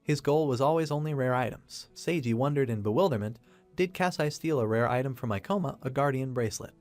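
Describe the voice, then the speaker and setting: A man reading a comic story recap as scripted narration, in a steady, even storytelling read. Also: mid-range voice, brisk. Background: faint background music.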